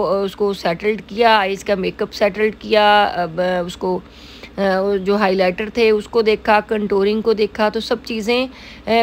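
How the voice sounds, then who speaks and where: A middle-aged woman with a Pakistani Urdu accent talks through a makeup tutorial as a salon owner. Her speech is chatty and loose, full of filler phrases and small restarts. Faint room noise sits under her mid-range voice. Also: medium pitch. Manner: chatty, repeats "jo hai woh" fillers. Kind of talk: casual makeup tutorial narration.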